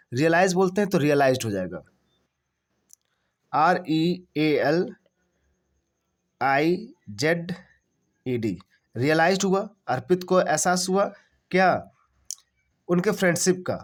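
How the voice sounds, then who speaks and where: A high-voiced man runs an English translation lesson, answering the questions he himself asks, spelling words letter by letter and repeating every phrase.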